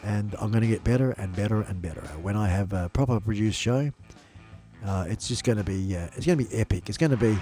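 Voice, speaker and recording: Talking fast in a fairly low, dark voice, a congested, slightly nasal man hosts a livestream. He's upbeat and loose, rambling and repeating himself, and faint music sits in the background.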